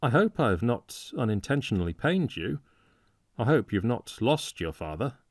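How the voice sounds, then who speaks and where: An audiobook reader voicing a friendly, earnest young gentleman in a dry-sounding recording. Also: mid-range voice, very animated, moderate pace, dry recording, voice pushed up. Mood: apologetic. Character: cheerful, cordial young gentleman.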